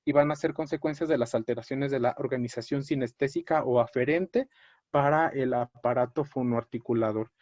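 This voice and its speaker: A man's voice: medium pitch, moderate pace, darkish tone, no room sound. Man giving a dry lo-fi lecture. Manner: explanatory, with frequent fillers and self-corrections. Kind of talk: recorded clinical lecture. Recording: dry, dull lo-fi audio.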